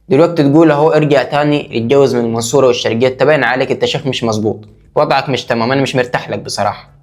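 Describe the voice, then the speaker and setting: A man with an Egyptian Arabic accent giving mock-indignant comedic commentary in a sarcastic tone. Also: a little high.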